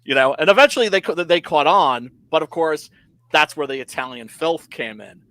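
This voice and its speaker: Bright-voiced man chatting about movies. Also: fairly high pitch, moderate pace, dry recording. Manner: animated, mocking impressions, swears. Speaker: podcast co-host. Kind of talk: casual movie chat.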